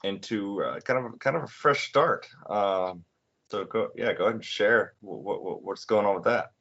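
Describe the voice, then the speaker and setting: A young man in his twenties hosts a relaxed late-night chat, his voice sitting a little low. He talks haltingly, stopping, restarting and filling gaps as he goes. The recording sounds muffled and lo-fi. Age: 20s. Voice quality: halting, many restarts and fillers. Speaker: podcast host. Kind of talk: casual chat. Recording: dull lo-fi recording.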